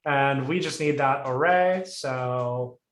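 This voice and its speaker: This Puerto Rican man speaks slowly at a medium pitch, with a somewhat bright tone in a reverberant space. He's an instructor going back over a live coding lesson on a video call, reasoning aloud, restarting sentences and using fillers.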